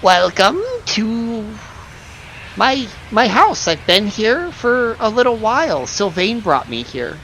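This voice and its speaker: A man's voice: high-pitched, big pitch swings, slow, bright, forceful tone, pitched above the performer's own voice, exaggerated voice, low-quality recording. A man voicing a horned old lady who sweetly invites guests in during a tabletop game. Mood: sweetly inviting. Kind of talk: acted dialogue in a tabletop game. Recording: clear background noise.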